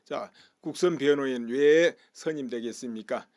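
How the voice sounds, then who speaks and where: A man's voice: medium pitch, unhurried, darkish tone, dry recording, clean studio sound. A man giving a news commentary monologue, explaining step by step and posing rhetorical questions. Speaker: political commentator.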